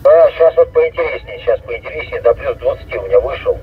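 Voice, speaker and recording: A man's voice: medium pitch, expressive, fast, phone-quality sound, a little hiss or hum. A man heard over a CB car radio, answering a radio check with short, casual replies. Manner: terse, casual radio talk. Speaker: radio operator answering a call. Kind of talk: brief radio exchange. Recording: distant voice from a radio speaker.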